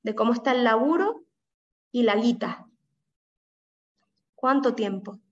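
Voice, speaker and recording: A woman with a Caribbean Spanish accent teaches a Bible study and explains each point patiently. She keeps checking in with her listeners with short "¿no?" and "¿sí?" questions. Her voice sits fairly high, and the recording sounds dull and lo-fi. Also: lively intonation, a little slow. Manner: explanatory, asks listeners with frequent "¿no?" and "¿sí?".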